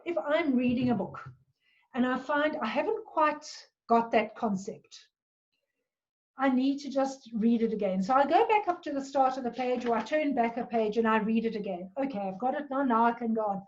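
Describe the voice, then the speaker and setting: A woman giving a talk on public speaking, with a clear, measured delivery and deliberate pauses. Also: fairly high pitch, dark tone. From South Africa. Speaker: presentation coach. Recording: dull lo-fi recording.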